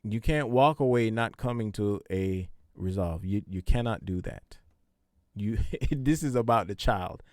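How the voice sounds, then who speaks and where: A man's voice: fairly low pitch, measured pace, dry recording, studio quality. A man hosting a podcast, giving casual parenting advice in a conversational, repetitive, preachy way. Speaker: podcast host.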